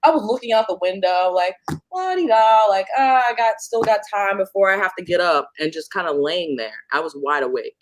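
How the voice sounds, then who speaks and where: Talking fairly quickly with no room sound, a woman guest on a relaxed podcast tells a personal ghost story. She acts out moments with lively energy and sudden jumps in pitch.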